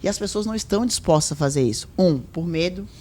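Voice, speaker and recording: A woman's voice: on the low side, fast talker. A woman, a podcast guest chatting casually and acting out what she and others said. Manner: animated storytelling, quotes herself and others.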